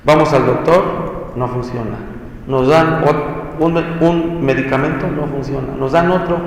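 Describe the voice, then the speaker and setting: A man preaching a sermon, exhorting with rhetorical questions and dramatic pauses. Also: on the high side. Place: church. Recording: echoey church hall, faint noise.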